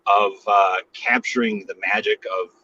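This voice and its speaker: A man's voice: lowish voice, fairly even intonation, measured pace, bright, forceful tone. A man calling in from his car, with a tinny, metallic phone sound, chatting casually and joking as a podcast co-host. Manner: joking, easygoing, rambling with fillers. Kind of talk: casual chat. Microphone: mobile phone call.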